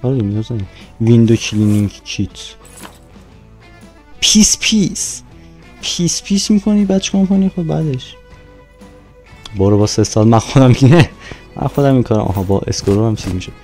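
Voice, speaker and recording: A young man talks casually to himself as he plays, cheerful and joking. His voice is dark and mellow. Faint game music runs quietly underneath. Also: on the low side, animated, rough recording. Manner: playful, talks to himself while playing. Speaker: gaming YouTuber.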